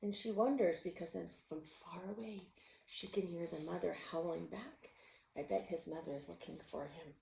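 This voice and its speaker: Gravelly woman reading a picture book aloud. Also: on the low side, normal speed, a little hiss or hum. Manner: expressive, with gasps and animal sounds; drops to a whisper at tense moments. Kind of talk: storybook read-aloud. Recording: roomy echo.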